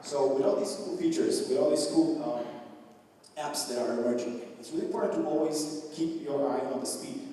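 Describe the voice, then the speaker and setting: A young Romanian man with a fairly high, mellow voice speaks at normal speed during a conference talk. His delivery is loose, full of fillers and restarts, and the echoey hall is recorded from a distance.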